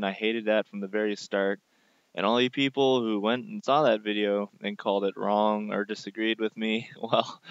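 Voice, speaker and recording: A man's voice: on the low side, clean tone, no room sound. A young man in an informal, exasperated rant, complaining emphatically on a dull, lo-fi recording. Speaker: gaming video creator. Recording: dull lo-fi dry microphone.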